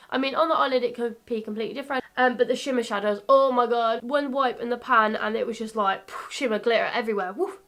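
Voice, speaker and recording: Woman, 22, beauty vlogger; higher voice, gravelly and croaky, bubbly, chatty, laughs at herself. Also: fairly bright tone. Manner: bubbly, chatty, self-mocking. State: croaky, coming down with a cold. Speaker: beauty YouTuber. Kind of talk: casual makeup tutorial chat.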